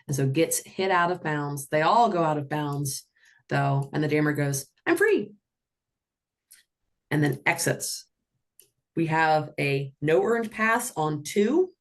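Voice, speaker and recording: A woman with a low-pitched voice runs an online teaching session, her delivery energetic and animated. She breaks into playful character voices to act out the players as she explains. She sounds like she is talking into a computer mic on a video call. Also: unhurried. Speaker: roller derby officiating instructor. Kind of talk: webinar teaching.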